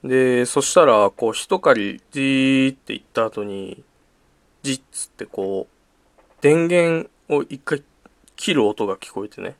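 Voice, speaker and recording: A young man hosting a casual solo talk show, telling a story with a lot of energy. His voice jumps up when he gets excited, and he laughs often between lines. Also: medium pitch, measured pace, no echo. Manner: animated storytelling, voice jumping up in excitement; frequent laughter. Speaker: podcast host.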